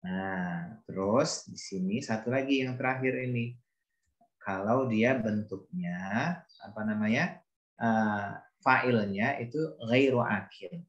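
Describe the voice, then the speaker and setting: A man's voice: on the low side, slow pace, echoey room, dull audio. A male teacher giving a grammar lesson, explaining patiently, repeating examples and calling on students by name. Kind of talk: classroom lesson.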